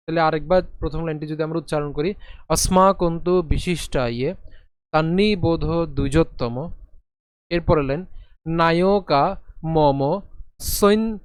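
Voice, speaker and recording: A man teaching Sanskrit verse pronunciation step by step. He asks questions and answers them himself, and he repeats syllables slowly. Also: a little high, darkish tone, dry recording.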